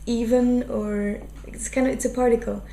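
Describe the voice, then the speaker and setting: In an echoey room with a faint hum, a young woman from Flanders, Belgium, a native Dutch speaker with a Flemish accent, talks thoughtfully in a casual interview. Her voice is fairly high, gravelly and warm, steady in tone and at normal speed, and she frequently uses fillers and starts her sentences over.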